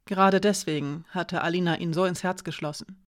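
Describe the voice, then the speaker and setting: A woman narrating a fantasy audiobook in a calm, even storytelling manner. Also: lowish voice, fairly quick. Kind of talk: scripted narration.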